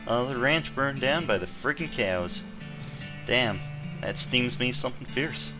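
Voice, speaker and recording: A man's voice: mid-range voice, animated, a little slow, low-quality recording. A man giving casual gameplay commentary, reading game text aloud in an offhand way with playful asides. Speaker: video game streamer. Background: music with guitar.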